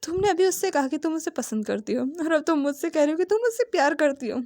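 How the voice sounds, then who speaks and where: Woman doing a young man, amused, incredulous, high voice, dry sound. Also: animated, fast talker, a little mellow, no echo. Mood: amused disbelief. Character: teasing young man, laughing easily.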